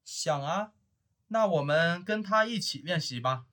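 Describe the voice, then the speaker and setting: A man with a somewhat high voice reads lines from a textbook conversation. He speaks in a careful, measured way, as in a prepared lesson recording. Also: lively intonation, pushed and bright. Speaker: dialogue reader in a language lesson. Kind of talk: scripted textbook dialogue.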